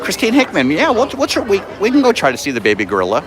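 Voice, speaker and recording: A man's voice: high-pitched, huge pitch swings, fast talker. A man chatting casually to viewers as he live-streams from a busy public place. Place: busy public theme park. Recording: busy crowd noise around him.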